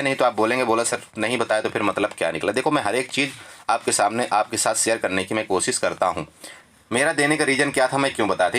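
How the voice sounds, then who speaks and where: A man's voice: mid-range voice, bright, forceful tone. A man walking viewers through trading charts in a casual lesson, chatty and repetitive, often checking in with his listeners. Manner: chatty, repeats "theek hai", addresses viewers as friend. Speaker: stock market trading tutor.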